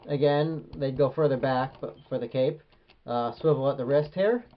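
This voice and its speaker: A man's voice: mid-range voice, fairly even intonation, normal speed, muffled recording. A man reviewing an action figure in a casual, rambling way with many hesitations. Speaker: toy collector reviewer.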